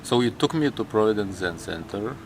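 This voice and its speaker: A man with a Lithuanian accent speaks in a fairly low voice, slowly and haltingly in English, often restarting his phrases. Clear background noise sits under his voice throughout. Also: animated. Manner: slow, halting, with many restarts. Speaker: interviewee. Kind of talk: personal interview.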